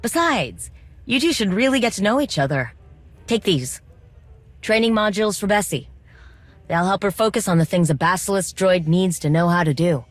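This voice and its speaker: An actress voices a determined, wry droid mechanic in a video game, speaking informally with coaxing, teasing encouragement. Her female voice is mid-range and animated at a moderate pace, lightly acted, with no room sound.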